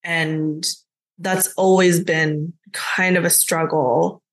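An American woman appears as a guest business mentor in a casual conversation, her lowish voice delivered flatly and slowly. She sounds reflective and relaxed, dropping "like" again and again.

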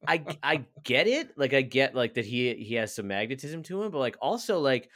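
A man's voice: mid-range voice, animated, normal speed, a bit bright. A man co-hosting a casual sports podcast, rambling and full of "like" fillers. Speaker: podcast co-host.

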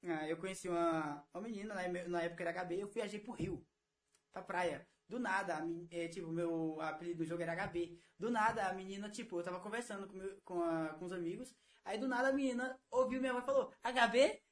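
A man's voice: sits high, fast talker. A young man co-hosting a casual chat, slangy, often echoing his partner's words. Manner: slangy, echoes the other host's words. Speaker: podcast co-host.

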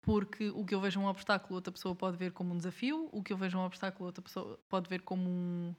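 A woman's voice: fairly low pitch, steady tone, fast. A woman with a European Portuguese accent chatting informally as a co-host. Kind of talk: casual chat.

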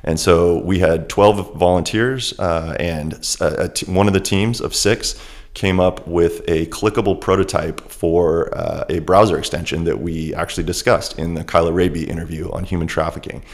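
A man hosting a podcast, giving a casual solo introduction in a halting way with repeated words. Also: deep voice, steady tone. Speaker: podcast host.

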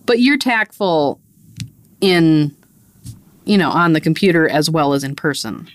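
Brief: woman podcast co-host, lower voice with a lot of lift and fall, chatty, laughs easily, close dry recording. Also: expressive, unhurried, no echo. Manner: chatty, laughs often while telling stories; mother talking about her young daughter. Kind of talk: casual chat.

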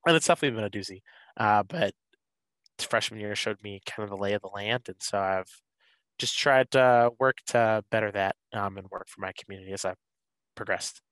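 Low-voiced young man, animated storyteller. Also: a little fast, no room sound, poor audio. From Atlanta, Georgia, USA. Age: young adult. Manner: animated storytelling with quoted asides. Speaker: student panelist. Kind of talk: casual panel discussion.

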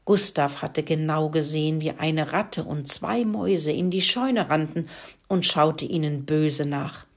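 Slow, low-voiced woman reading a story.

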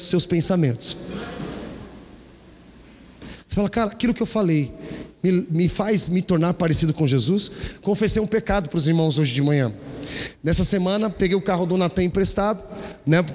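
A man preaching a sermon as pastor, telling stories in a lively way and calling his listeners brother. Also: sits high. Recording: long hall reverb, faint noise.

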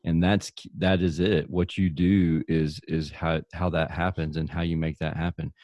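Deep, mellow Deep South man. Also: level tone, moderate pace, no echo, lo-fi sound. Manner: informal, joking, rambling questions. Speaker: podcast host, interviewer. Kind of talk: casual conversational interview.

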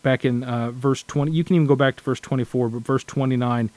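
A man's voice: mid-range voice, steady tone, quick pace, a little mellow, no room sound. A man sharing his thoughts in a casual scripture study discussion, earnest and reflective, often restarting his sentences.

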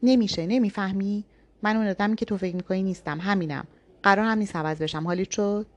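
A woman's voice: on the low side, natural voice. A woman voicing a hot-tempered young man. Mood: shouting angrily. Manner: harsh, shouting, then soft and pleading. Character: brooding volatile young man, the lover. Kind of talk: audiobook reading.

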